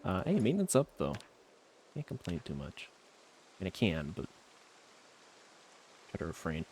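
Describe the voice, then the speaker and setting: A man's voice: low voice, huge pitch swings, moderate pace, a little mellow, a little hiss or hum. A man streaming a video game, chatting to himself in a laid-back, rambling way. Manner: laid-back, rambling self-talk with frequent trailing fillers. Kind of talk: casual gameplay commentary.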